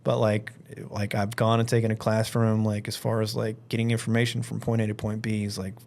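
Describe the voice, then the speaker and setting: A man's voice: fairly low pitch, monotone, a little fast, gravelly, a little mellow. A man from Alabama talking casually as a podcast guest, rambling informally and leaning on filler words like "like" and "you know". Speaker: firearms instructor and event organiser, interview guest.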